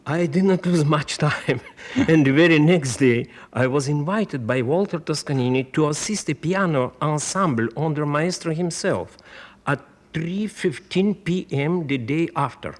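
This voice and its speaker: An older man, an opera singer, telling a story about a rehearsal with lively acted-out quotes, on an old radio broadcast. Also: fairly high pitch, unhurried. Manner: animated storyteller acting out quotes. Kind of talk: storytelling reminiscence. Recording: 1960s radio broadcast transfer.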